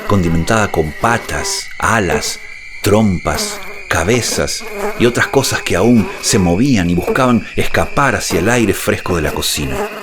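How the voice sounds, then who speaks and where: A man narrating a scripted suspense horror story in a measured, dramatic way, speaking intimately close to the ear. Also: low voice, noisy background. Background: music behind the voice.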